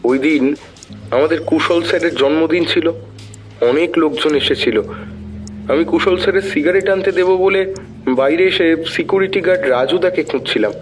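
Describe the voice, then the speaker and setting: A man plays a young office worker who answers the police respectfully and keeps saying sir. His voice is a bit high. Faint music plays under the drama. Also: moderate pace, close to an everyday voice. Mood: deferential.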